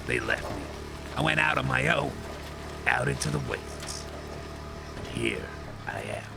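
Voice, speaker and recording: Man acting gravelly, bitter old cyborg drifter. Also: on the high side. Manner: brusque, irritable, swaggering. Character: gruff, boastful, bitter two-hundred-year-old male cyborg drifter. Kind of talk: comic audio drama acting. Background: music bed.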